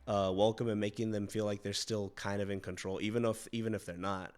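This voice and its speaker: A man's voice: lowish voice, flat delivery, a little fast, clear, resonant tone. A young man chatting as a guest on a livestream from home, laid-back, laughing often and swearing casually.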